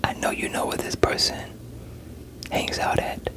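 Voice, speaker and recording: Speaking a little slowly in a voice close to everyday speech, a performer whispers the part of a veteran police interrogator. He coaxes and pressures a suspect with a doubting, street-smart edge, sounding sceptical and pressing.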